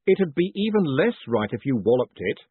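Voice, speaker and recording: A man voicing an exasperated, quick-tongued con man who talks in sharp, indignant bursts. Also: mid-range voice, very animated, slightly rough, no echo, pitched above the performer's own voice. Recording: dry, phone-like narrow band.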